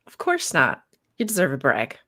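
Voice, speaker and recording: A woman's voice: sits low, huge pitch swings, moderate pace, pushed and bright. A female podcast co-host in casual chat, chatty and encouraging.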